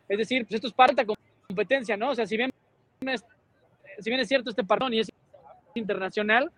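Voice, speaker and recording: A Mexican man giving a live remote report while his internet call keeps cutting out, his speech halting and full of repeats. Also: sits high, fairly bright tone, low-quality recording. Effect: breaking-up internet call. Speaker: field reporter.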